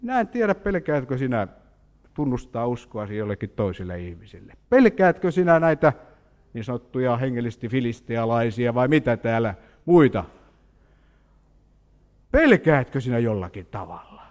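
Man preaching, animated storytelling, lively up-and-down voice, echoing hall. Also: medium pitch. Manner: animated storytelling with questions to the congregation. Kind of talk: sermon. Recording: hall reverb.

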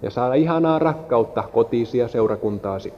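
A man interpreting a sermon line by line, following the preacher's rise and fall, with small slips and restarts. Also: mid-range voice. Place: church hall. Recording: muffled sound in a reverberant hall.

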